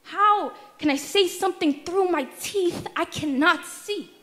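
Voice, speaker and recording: Young woman, spoken word poet, high voice, rhythmic emphatic delivery, stand mic, indoor hall. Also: bright, forceful tone. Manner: rhythmic, emphatic, with deliberate stammered repetitions. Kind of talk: spoken word poetry performance. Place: wood-paneled hall, indoors. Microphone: stand microphone.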